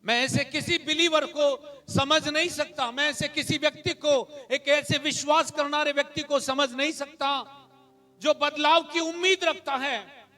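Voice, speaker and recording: A man preaching a sermon as pastor, mixing in English phrases, building to shouted emphasis and calling out hallelujah. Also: extremely high pitch, steady tone, a little slow.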